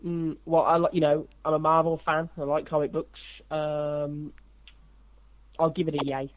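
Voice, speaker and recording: A man's voice: a little high, level tone, normal speed, no echo, phone-quality sound. A man co-hosting a casual chat, giving blunt short verdicts. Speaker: podcast co-host.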